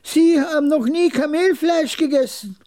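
A man voicing a proud, scornful old male camel dealer with a jagged, raspy voice in a radio story. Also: very high-pitched, moderate pace, warm tone, pitched above the performer's own voice. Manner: haughty, curt, mocking.

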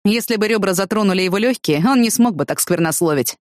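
A matter-of-fact young man speaks in a flat, understated way, voiced by a woman narrator. The reading is close and dry. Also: medium pitch, fast talker, dry recording, lightly acted.

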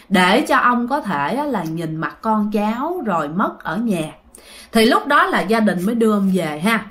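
A woman's voice: medium pitch, fairly bright tone. A woman narrating a ghost story in a chatty way, often addressing her listeners directly.

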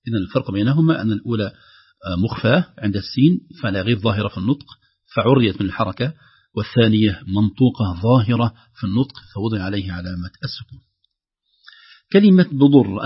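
A man teaching the rules of Quran recitation, who explains patiently and recites example words louder and drawn out. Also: mid-range voice, slightly rough, no echo, lo-fi sound. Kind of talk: tajweed lesson with recited examples.

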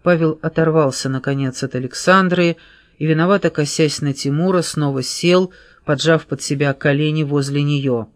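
A woman reading an audiobook novel in a steady storytelling manner. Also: low voice, normal speed, dry recording, clean studio sound. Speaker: audiobook narrator. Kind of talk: scripted narration.

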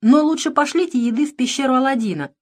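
A woman's voice: sits high, expressive, quick pace, voice pushed up. A woman voicing a brave, modest young boy in an audiobook, speaking earnestly and politely. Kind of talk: audiobook character reading.

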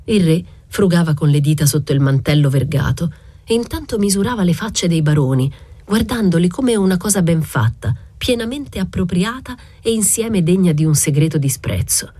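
A woman reading a novel aloud as scripted literary narration, in a measured, even way. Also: on the low side, husky. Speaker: audiobook reader.

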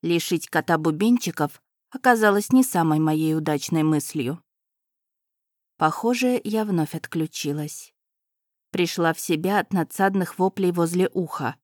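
Woman audiobook narrator, measured first-person reading, low voice, dry close sound. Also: darkish tone, no echo.

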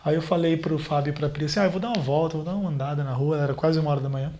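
A man, a pastor, telling a therapist a painful personal story in a halting way and repeating words as he goes. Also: fairly high pitch, fairly even intonation, mellow. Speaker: pastor speaking as a therapy client. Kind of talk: personal account in a therapy session.

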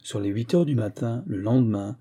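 A man narrating a classic novel in a measured, grave voice. His tone is very dark and mellow, with a husky edge. Scripted literary audiobook reading. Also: medium pitch, lively intonation.

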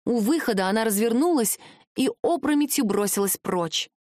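A woman narrating a novel aloud in first person, in a measured storytelling manner. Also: fairly high pitch, expressive, darkish tone, no echo, clean studio sound. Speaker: audiobook narrator.

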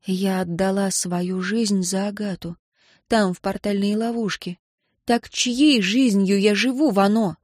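Lady narrator doing a soft earnest young girl, dry close sound. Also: mid-range voice, fairly even intonation, moderate pace, dry recording, close to an everyday voice. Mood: quiet. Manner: gentle then pleading, voice rising when upset. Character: young woman, earnest and hurt. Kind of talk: audiobook character reading.

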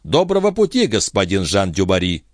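A man's voice: sits low, huge pitch swings, moderate pace, no echo, studio quality. Unflappable young officer, courteous and cool, read by a male narrator. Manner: composed, courteous.

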